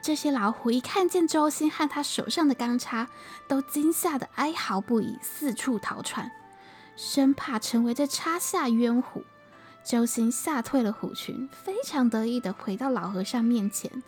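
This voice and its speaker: A woman storyteller narrating a folk tale in a lively, animated way. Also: fairly high pitch, moderate pace, faint music behind.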